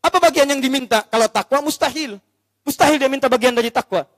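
A male Islamic preacher giving a sermon in lively, animated storytelling that acts out the characters. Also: very high-pitched, fast, no echo, long reverb tail.

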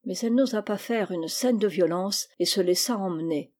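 Woman audiobook narrator, measured storytelling, warm mellow tone. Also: medium pitch. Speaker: reader.

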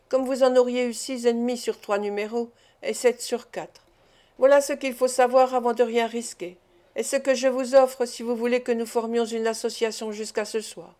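A ceremonious old Italian prince who coaxes and flatters at the roulette table, read by a woman. The voice sits a little high and stays courteous and insistent throughout the storybook reading. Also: natural voice. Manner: ceremonious, persuasive. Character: old Italian prince, smooth-talking gambler.

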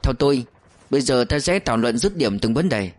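A man's voice: mid-range voice, animated, a little fast, lightly acted. A man voicing an older army political commissar who speaks in a formal, businesslike way while chairing a meeting.

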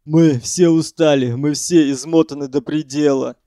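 A man's voice: fairly high pitch, fairly even intonation, moderate pace, dark tone, no room sound, close to an everyday voice. An anxious, fussy older scholar in an audiobook story, as a male narrator voices him, pleading and scolding in a raised voice. The tone is gritty and the recording dry.

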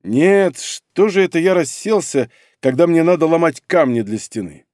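A man's voice: fairly high pitch, expressive, normal speed, darkish tone, no room sound, studio quality, natural voice. A man voicing a hardworking peasant farmer who talks plainly and unhurriedly. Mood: weary.

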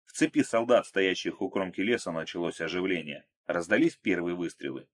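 A man narrating an action story in a steady, measured, dramatic reading. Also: low voice. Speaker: audiobook narrator.

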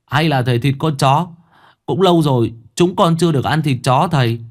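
A man voicing an eager, cocky young elder son who boasts quickly, in a spoken ghost story. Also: fairly high pitch, voice pushed up, natural voice.

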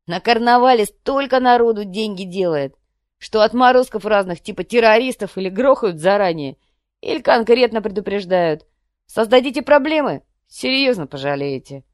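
A woman's voice: mid-range voice, animated, moderate pace, no echo, clean studio sound, pitched above the performer's own voice, natural voice. A woman reading the part of a crude, boastful male gangster boss, with coarse slang. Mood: smug.

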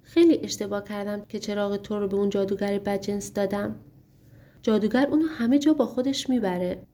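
A woman voicing a young princess in a storybook, speaking to her servants in a hurried, commanding way. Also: medium pitch, fairly even intonation, dark tone, close to an everyday voice. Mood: regretful. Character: young princess, rash and urgent.

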